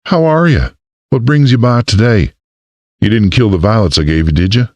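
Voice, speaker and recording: A man's voice: on the low side, animated, normal speed, dry recording, voice pushed up. Male reader doing a folksy young woman with a Southern drawl, upbeat storybook figure. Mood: cheerful. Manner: bubbly and folksy. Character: cheerful young woman florist from Mississippi.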